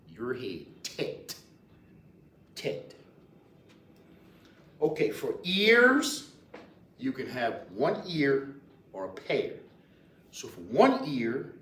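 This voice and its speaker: Slow-talking Cajun man from Louisiana. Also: mid-range voice. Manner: deliberate, repetitive, with hesitant pauses. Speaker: language teacher. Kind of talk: informal lesson, explaining and repeating words. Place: indoors in a library. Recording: roomy, distant mic, faint noise.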